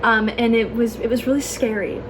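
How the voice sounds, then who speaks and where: A woman's voice: fairly high pitch, steady tone, moderate pace. A young adult woman telling a personal story casually, as a vlogger, in a chatty, gushing way full of filler "like"s and exclamations. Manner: chatty, gushing, peppers talk with "like" and "oh my gosh". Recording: clear background noise.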